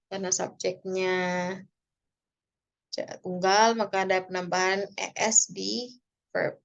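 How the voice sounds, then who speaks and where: A woman with an Indonesian accent teaching English grammar, explaining slowly and deliberately and switching between English and Indonesian. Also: medium pitch, fairly even intonation, vocal fry. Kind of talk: online grammar lesson.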